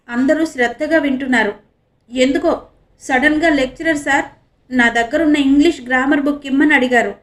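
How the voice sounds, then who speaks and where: Woman reading a teary college girl, bitter and upset, high voice. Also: close to an everyday voice. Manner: tearful, resentful. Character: tearful young female college student, younger sister. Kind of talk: audiobook character reading.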